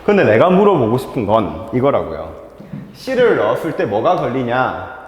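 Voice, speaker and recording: A man's voice: mid-range voice, huge pitch swings, moderate pace, dull audio. A male math teacher giving a whiteboard lecture to students, checking in with them constantly between steps. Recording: echoey classroom with faint noise.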